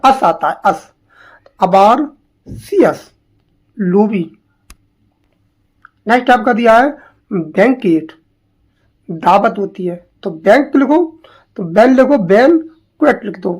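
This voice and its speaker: A woman teaching English spellings to exam students, repeating each word slowly and asking questions as she goes. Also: medium pitch, a little mellow. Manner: slow, drilling, repeats words and asks questions.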